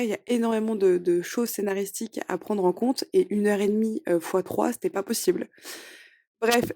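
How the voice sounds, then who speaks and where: A woman's voice: mid-range voice, dark tone. A young woman hosting a solo podcast, reviewing shows in a chatty, hesitant way with many fillers. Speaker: podcast host.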